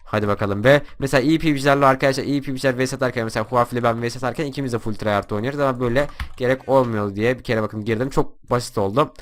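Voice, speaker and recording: A young man giving excitable commentary over his own gameplay and taunting the other players. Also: mid-range voice, rapid-fire, few pauses. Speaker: gaming YouTuber.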